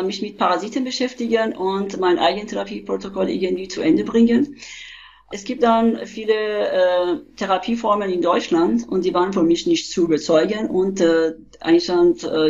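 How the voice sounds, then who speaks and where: A woman in her fifties from Iran, a physician, explaining on a video call in a halting way with many fillers and restarts. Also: medium pitch, darkish tone, lo-fi sound. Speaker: physician, interview guest. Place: small room at home. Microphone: webcam on a video call.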